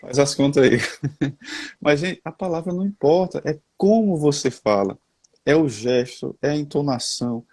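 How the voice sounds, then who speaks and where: In a dry recording made with headphones, a man with a Brazilian Portuguese accent speaks at normal speed in a darkish voice on the high side. He chats casually and folksily about communication, addressing his audience as "gente" and "cara".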